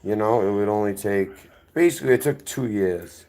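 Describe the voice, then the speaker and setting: On the low side and a little mellow, this man's voice moves at a fairly quick clip. His strong Boston accent comes from the inner city, and as a guest he tells a casual, tangent-filled story, repeatedly circling back and correcting himself.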